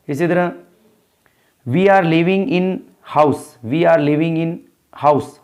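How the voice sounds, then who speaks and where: A man from India teaching an English workbook lesson, reading sentences slowly and explaining them in Hindi. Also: on the high side, darkish tone.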